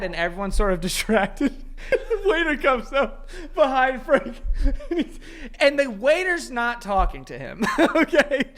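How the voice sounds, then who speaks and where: A man's voice: sits high, fairly bright tone. A man co-hosting a podcast, telling stories in a casual, teasing way and laughing through them. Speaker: podcast co-host. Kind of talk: casual storytelling chat.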